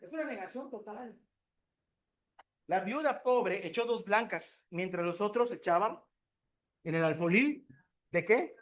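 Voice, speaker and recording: A male preacher with a fairly high voice, speaking. He teaches a discipleship class in sermon style and keeps asking the congregation rhetorical questions, then answers them himself. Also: animated, unhurried, long pauses.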